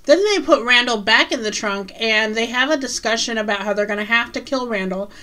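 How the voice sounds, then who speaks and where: A woman co-hosting a podcast, casually recapping a TV episode in a chatty way with quick asides. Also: a little high, sharp tone. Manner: chatty, recounts scenes with quick asides and laughs. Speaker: podcast co-host.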